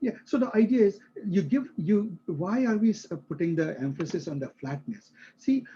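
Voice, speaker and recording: A man's voice: sits high, animated, moderate pace, dark tone, highs cut off, a little hiss or hum. A male instructor explaining a concept to a live class, using everyday examples and often checking that students follow.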